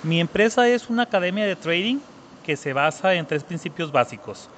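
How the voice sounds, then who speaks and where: A man's voice: high-pitched, animated, moderate pace, a bit bright, slight background noise. A Mexican man in his thirties, answering interview questions earnestly, often repeating words for emphasis. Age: 30s. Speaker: guest entrepreneur.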